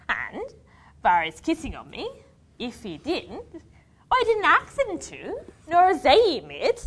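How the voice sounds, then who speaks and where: A woman's voice: a little high, fairly bright tone, full character voice. A woman playing a teasing young girl, reciting a dialect verse dialogue with a playful, scolding manner. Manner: playful, scolding, quick to laugh. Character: young country girl sweetheart, pert and teasing.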